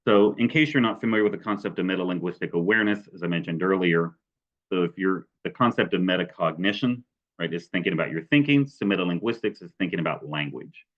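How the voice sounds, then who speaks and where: Speaking quickly in a low register, a male presenter from West Virginia delivers an academic webinar talk over a muffled recording. His speech is full of hedges like "kind of" and "sort of," and he frequently restarts sentences.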